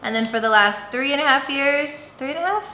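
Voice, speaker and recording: Thirties mother, bright higher voice, brief and matter-of-fact. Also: fairly quick, a little hiss or hum. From California, USA. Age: 30s. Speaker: family vlogger, mother. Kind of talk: casual family Q&A. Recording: echoey room.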